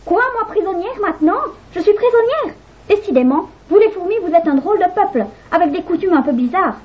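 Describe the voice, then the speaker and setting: A vain dragonfly diva sniffs and protests in a very high, swooping voice, as a woman acts her out. The sound is dull and lo-fi, like an old children's story recording. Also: expressive, fairly quick. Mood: indignant. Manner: indignant, scornful. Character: haughty vain female dragonfly artist.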